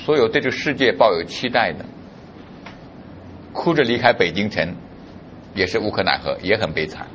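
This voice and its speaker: Animated man preaching a sermon. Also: on the low side, moderate pace, long pauses, muffled recording, slight background noise. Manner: keeps asking the congregation rhetorical questions. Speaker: pastor.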